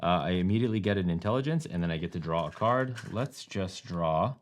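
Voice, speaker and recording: A man's voice: deep voice, quick pace, a little hiss or hum. A man co-hosting a board game playthrough, casually talking through each move he makes. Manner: relaxed, explains his moves step by step.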